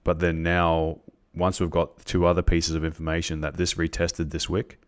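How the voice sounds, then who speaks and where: A man on a live trading stream, explaining chart setups to viewers in a halting way, with many restarts and ums. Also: deep voice, completely flat delivery.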